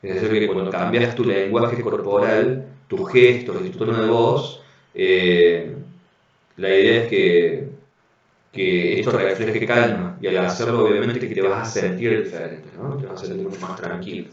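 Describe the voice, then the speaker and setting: A man with a Rioplatense Spanish accent giving an online class, explaining calmly and often checking in with tag questions, heard over a video call. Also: fairly low pitch, unhurried. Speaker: instructor. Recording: very echoey, dull lo-fi audio.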